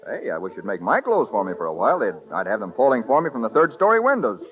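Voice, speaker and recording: A man's voice: mid-range voice, huge pitch swings, fast. An actor playing an eager, boyish young man with breezy slangy talk, in vintage radio drama style, on a dull old broadcast recording with faint music. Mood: excited. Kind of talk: 1930s radio drama acting.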